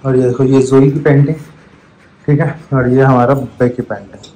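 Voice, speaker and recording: A woman's voice: very deep voice, steady tone, moderate pace, mellow, rough recording. A woman narrating a casual family vlog, chatting about pets and coaxing a toddler to repeat words. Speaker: vlogger, grandmother.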